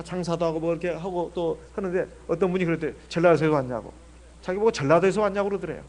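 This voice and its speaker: A man's voice: a little high, mellow. A middle-aged man from Jeolla preaching a sermon as pastor, chatty and full of rhetorical questions. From Jeolla, South Korea.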